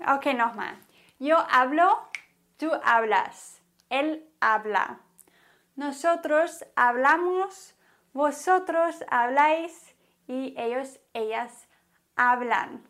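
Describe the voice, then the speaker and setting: A woman's voice: high voice, takes it slowly, a bit bright. A woman teaching a grammar lesson in a patient, encouraging way, spelling things out and repeating. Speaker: language teacher.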